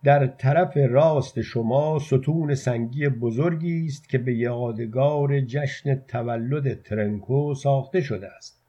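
A man's voice: mid-range voice, dark tone, husky, close to an everyday voice. A man voicing a pompous male city guide who proudly boasts about his country's monuments, in a muffled lo-fi recording.

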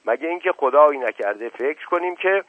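A man's voice: fairly high pitch, expressive, no echo, voice pushed up. A man voicing a witty, mocking middle-aged prince who teases and scolds in a raised, sarcastic voice, over a muffled phone-like radio line. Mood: teasing.

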